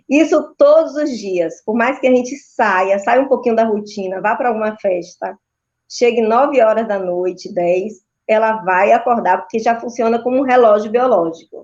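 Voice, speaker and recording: A woman's voice: a little high, a little mellow. Brazilian woman explaining, lo-fi audio. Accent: Brazilian Portuguese. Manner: didactic, frequent tag questions. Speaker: maternal and child sleep consultant. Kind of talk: explanatory interview answers. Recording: dull, lo-fi video call audio.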